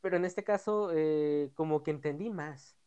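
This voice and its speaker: A woman with a Mexican accent talks casually, hesitating and leaning on fillers as she searches for words. Her voice sits fairly low for a woman. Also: normal speed, warm tone, smooth, lo-fi sound. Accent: Mexican Spanish. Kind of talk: casual chat.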